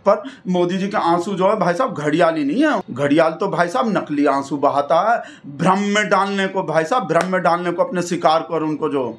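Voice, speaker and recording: A man's voice: high-pitched, brisk, few pauses. A man doing a satirical comic monologue, rambling in a mock-devoted way and repeating the same address over and over. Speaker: satirical comedian in character.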